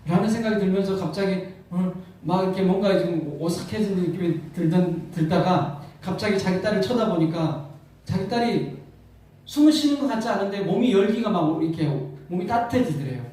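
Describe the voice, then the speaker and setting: A male pastor giving a sermon, telling a story with rising emotion, repeating words and swelling loud on key lines. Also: sits high, a little fast. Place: church sanctuary. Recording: echoey church hall from far off.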